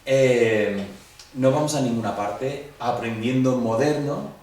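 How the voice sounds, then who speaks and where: A man's voice: mid-range voice, slow, darkish tone. A man lectures a class in an easy, conversational way, speaking directly to his students. His voice carries through a very echoey classroom, and he stands some distance the microphone. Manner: conversational, addresses students directly, acts out quoted dialogue. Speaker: Greek teacher. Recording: echoey room, voice from off the mic.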